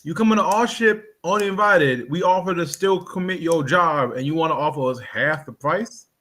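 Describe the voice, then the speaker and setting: A man playing a tabletop role-playing game, animated and quick to argue in character. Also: fairly high pitch. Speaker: player. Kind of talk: casual tabletop role-play.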